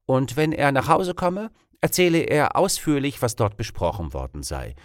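A man reading a story aloud in an expressive narrating manner. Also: mid-range voice, moderate pace, no echo, clean studio sound. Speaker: audiobook narrator. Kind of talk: scripted narration.

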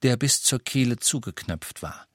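An audiobook narrator with a mid-range voice reads in an even, measured storytelling manner. The studio-quality recording has no room sound.

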